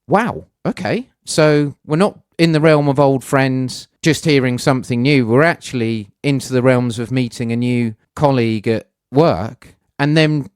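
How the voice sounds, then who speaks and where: A man's voice: medium pitch, a little mellow, no room sound, studio quality. A middle-aged man hosting a podcast, talking in a thoughtful, conversational way with hedging asides. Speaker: podcast host. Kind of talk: reflective personal podcast monologue.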